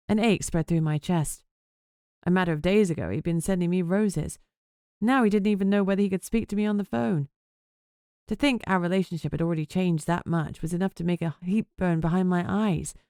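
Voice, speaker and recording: A woman narrates as a sardonic young vampire journalist, anxious under her jokes. The voice sits a little low and steady, and the storybook reading is close and dry with no room around it. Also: clear, resonant tone, no room sound, lightly acted. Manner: sarcastic, self-mocking. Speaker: audiobook narrator. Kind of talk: first-person audiobook narration.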